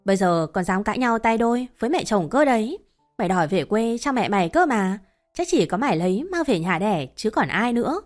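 A shrill, abusive older mother-in-law who berates and accuses without pause, as a woman reads her part in an audio story. Her voice sits at an ordinary middle pitch. Faint music plays underneath. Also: natural voice. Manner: abusive, uses coarse address terms.

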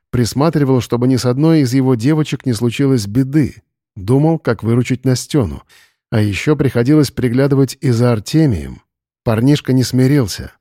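A man narrating an audiobook in a steady, measured storytelling manner. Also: mid-range voice, no room sound, studio quality. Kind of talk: scripted narration.

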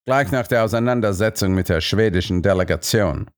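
A man voicing a smooth, evasive male diplomat who answers in a calm, measured way. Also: fairly low pitch, natural voice.

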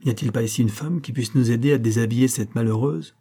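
A man's voice: mid-range voice, fast talker, warm tone, breathy edge. A man voicing a younger doctor speaking urgently and practically.

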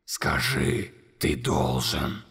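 A man voicing a huge, relentless monster in an audiobook, speaking in a low, slow, menacing whisper. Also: animated, gravelly, fairly bright tone, husky, long reverb tail, full character voice.

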